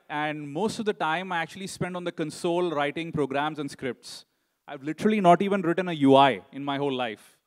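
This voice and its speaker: With a fairly high-pitched voice, a middle-aged conference speaker keeps his presentation casual. He regularly fills pauses with "you know" and finishes lines with "right?"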